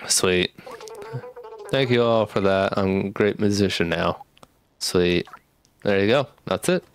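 A man's voice: lowish voice, clean tone, dry recording. A young man doing casual let's play commentary, talking with retainers in his mouth and a little sick with a cough. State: getting over a sickness with a cough. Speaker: gaming streamer. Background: game music.

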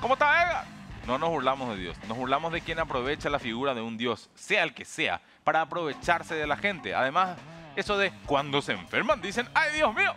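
Man, Paraguayan accent, comedy host, sarcastic mock-serious delivery, very animated pitch, faint music underneath. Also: a little fast. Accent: Paraguayan Spanish. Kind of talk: satirical comedic commentary reading viewer comments.

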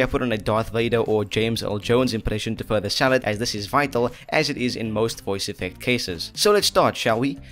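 A young man hosts a video effects tutorial channel, his mid-range voice slightly bright as he walks through a casual lesson. He jokes, chats, and pokes fun at himself, recording in a small, dim room indoors.

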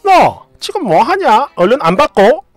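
A woman voicing a sharp-tongued older mother-in-law who scolds and grumbles. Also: a little high, big pitch swings, unhurried, dry recording, faint music behind. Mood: scolding.

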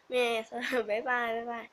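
A woman's voice: fairly high pitch, a bit bright. A young woman with a Thai accent, chatting casually and giggling as she teaches English vocabulary on her channel.

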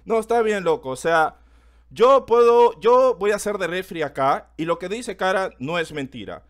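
A man chatting loudly on a game stream, excitable and swearing often. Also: high voice, normal speed. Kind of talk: casual stream chat.

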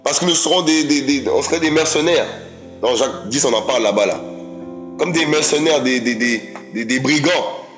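A man's voice: mid-range voice, normal speed, fairly bright tone, soft background music. A man preaching a sermon, emphatic, repeating his phrases and often calling out to his listeners as friends. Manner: addresses audience as "mes amis".

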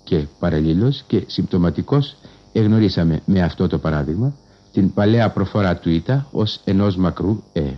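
A man with a very deep voice gives a formal scholarly talk over the radio, choosing each word with measured, precise care. His phrasing is learned and old-fashioned. The sound is dull and lo-fi, like a 1960s broadcast archive. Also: expressive. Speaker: radio lecturer.

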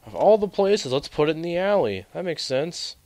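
A young man giving live let's play commentary, sarcastic and rambling, reacting loudly to glitches. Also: on the high side, very animated, normal speed, no room sound. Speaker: gaming commentator.

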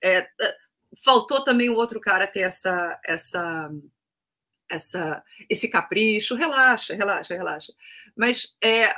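A Brazilian woman with a bright, clear-edged voice tells tour stories to an interviewer. She is a trained classical singer speaking casually, and she slips into other people's voices when she quotes them. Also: mid-range voice, a little slow. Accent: Brazilian Portuguese. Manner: lively anecdotal telling, acting out quoted voices. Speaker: guest singer, opera-trained.

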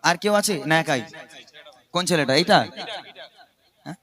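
A man, a devotional song singer, bantering playfully with children from a stage at a mosque gathering, teasing and joking as he gives quick commands. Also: fairly high pitch, a bit bright. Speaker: gojol singer performing on stage.

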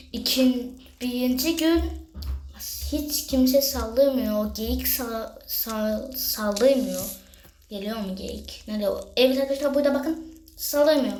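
A young woman giving chatty, excitable commentary while playing a game and talking to her viewers. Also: on the high side. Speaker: gaming youtuber. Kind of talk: casual gameplay commentary. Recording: echoey room with background noise.

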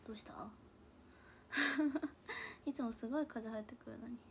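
A young idol livestreamer talks from a room at home at a measured pace, her voice on the high side and a bit bright. She mixes Hakata and Kansai dialect and often murmurs asides to herself; her tablet or phone mic picks up slight background noise.

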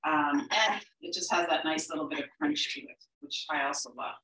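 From her home kitchen, a woman from Canada runs a live cooking demonstration, upbeat and talkative with frequent ums. She has a deep, sharp-toned voice at an ordinary pace, recorded with roomy kitchen echo.

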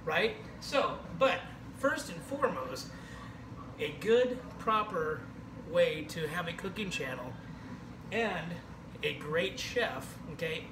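A man's voice: fairly high pitch, expressive, slow. Joking man in an echoey kitchen. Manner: jokey, rambling, keeps saying okay. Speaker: home cooking show host. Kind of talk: casual cooking demonstration. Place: home kitchen, indoors. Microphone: camera across the room. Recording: echoey kitchen, distant camera mic, noisy.

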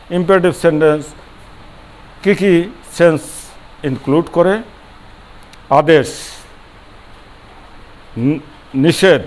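A slightly high, darkish male voice belongs to an older former college principal teaching grammar in class. He is emphatic, repeating important words and sounding them out by syllable, and he asks his students questions only to answer them himself.

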